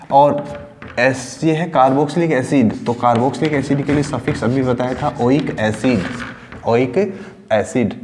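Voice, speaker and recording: A male chemistry teacher talks through a lesson at a middle pitch, asking his students questions and answering them himself. He mixes in English terms and repeats key words slowly. A faint hiss sits under his voice. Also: a little mellow. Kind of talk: classroom lesson.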